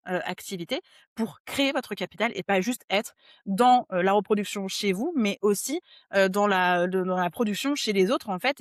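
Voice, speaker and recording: Woman host, mid pitch, dry and close to the mic. Chatty and slangy. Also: no echo. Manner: chatty, uses youthful slang. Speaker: podcast host. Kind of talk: casual conversational interview.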